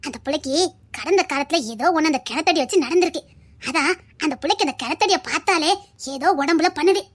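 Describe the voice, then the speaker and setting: A woman's voice: sits high, fast talker, voice pushed down, close to an everyday voice. A woman voicing a blunt, wise old village grandmother with a Tirunelveli accent, scolding and teasing her granddaughter in a one-voice audio drama. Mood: gossiping. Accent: Tirunelveli Tamil.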